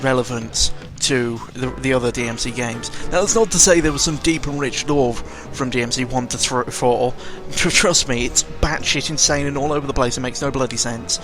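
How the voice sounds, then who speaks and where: Over video game music, a British man with a mid-range voice commentates casually and unscripted, barely pausing. He rambles sarcastically with some mild swearing, recorded on a close microphone.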